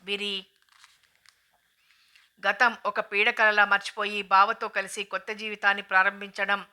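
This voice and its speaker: A woman's voice: mid-range voice, flat delivery, a little slow, pushed and bright. A woman reading the lines of an outspoken, affectionate young sister-in-law who scolds and teases. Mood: scolding.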